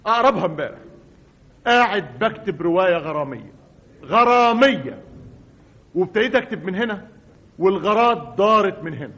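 A man tells a comic monologue in an exasperated, mock-dramatic way. His voice sits very high. The recording is dull and lo-fi, like old radio. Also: sing-song, brisk, pauses often, a bit bright, husky.

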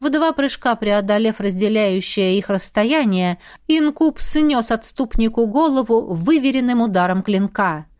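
A woman giving an expressive, dramatic reading as a fantasy audiobook narrator. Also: fairly high pitch, unhurried, hardly any pauses, no room sound, studio quality.

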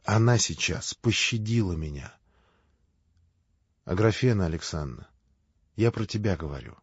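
A male audiobook reader voicing a devout, grieving young man who speaks firmly and quietly, in a dry, slightly dull recording. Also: sits low, expressive, normal speed, husky, no echo, pitched below the performer's own voice, full character voice. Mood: earnest. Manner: firm, quiet, heartfelt.

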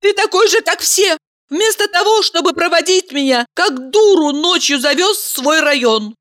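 A woman voicing an emotional, excitable young woman who pleads in shrill, breathless cries. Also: moderate pace. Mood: angry.

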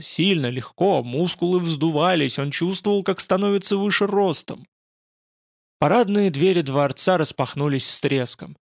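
A man narrating a fantasy novel as an audiobook in an even storytelling manner. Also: a little high, vocal fry, no echo, studio quality.

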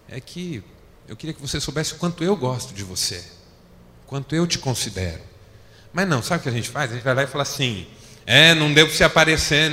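A man preaching a sermon in a church hall, with a bright, forceful tone that carries. His voice rings with long reverb, and a faint ambience sits underneath. As he tells stories he acts out quarrels, and his voice climbs. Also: medium pitch, a little hiss or hum. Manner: storytelling preacher, acting out quarrels with rising voice. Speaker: pastor.

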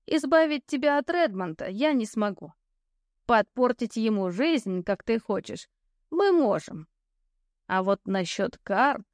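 A woman's voice: fairly high pitch, animated, unhurried, a little mellow, no echo, clean studio sound. A woman voicing a sly old ghost fortune teller. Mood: ominous. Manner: languid, drawling, mocking. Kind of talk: audiobook character voice.

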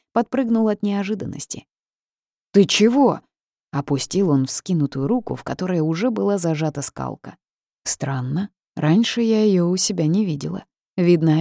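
A woman reading a first-person story aloud, lively with wry asides. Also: lowish voice, vocal fry, no echo, clean studio sound. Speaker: audiobook narrator. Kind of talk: first-person audiobook narration.

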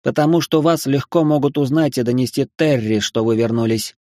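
A man voicing a scholarly male angel in an audiobook, measured, analytical and wry. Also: medium pitch, a little mellow, dry recording, studio quality, lightly acted. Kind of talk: audiobook character reading.

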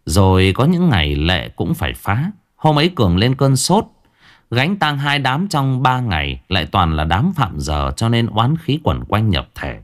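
A man's voice: on the low side, wildly swooping pitch, measured pace. A man narrating a ghost story dramatically.

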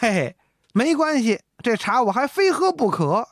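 Give me a woman playing a flustered, flattering scholar, in a close, dry voice. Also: on the high side, no room sound, pitched above the performer's own voice, heavily acted. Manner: flustered, fawning, quick to improvise. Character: quick-witted flattering court scholar, man.

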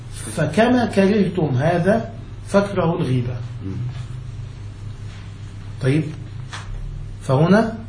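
A man's voice: on the high side, darkish tone, reverberant, slight background noise, rough recording. A man, a sheikh, teaching a classical Arabic grammar lesson, explaining step by step and often checking that his students follow.

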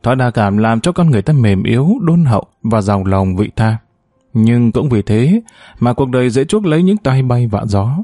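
A man narrating a story aloud in a measured, expressive audiobook style. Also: medium pitch, dry recording, clean studio sound.

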